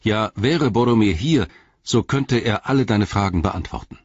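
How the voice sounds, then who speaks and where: A man's voice: on the low side, expressive, moderate pace, husky, dry recording, muffled recording, pitched above the performer's own voice. A man reading an audiobook who voices an earnest, proud young male hobbit, defensive under questioning.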